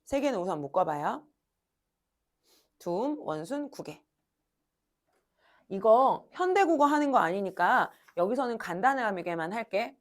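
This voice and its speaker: A woman teaching a high-school language class, asking students questions and answering them herself in a brisk, coaxing way. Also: darkish tone. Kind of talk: classroom lecture.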